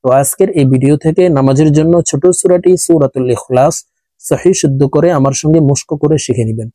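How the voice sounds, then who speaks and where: A man teaching Quran recitation, spelling out letters and vowel marks one by one, then chanting the words slowly, with brisk explanations in between. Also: a little high, mellow, no room sound. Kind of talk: slow spelled-out recitation lesson.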